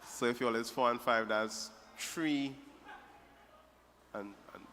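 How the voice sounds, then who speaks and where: Emceeing a wedding reception in a large, reverberant hall, a man with a mid-range voice takes his time as he playfully teases the guests table by table. The background is noisy.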